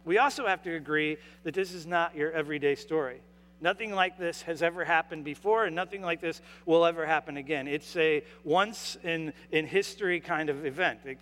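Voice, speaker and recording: A man's voice: a little high, a bit bright. A male pastor delivering a sermon in a church sanctuary during a service, speaking earnestly and often restarting or repeating words as he talks. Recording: long reverb from a large hall.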